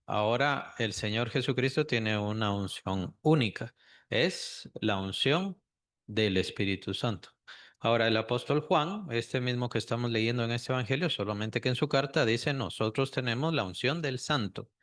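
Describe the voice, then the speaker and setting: A man's voice: medium pitch, lively intonation, normal speed, fairly bright tone. A man teaching a Sunday school Bible lesson, asking the class questions and repeating key phrases.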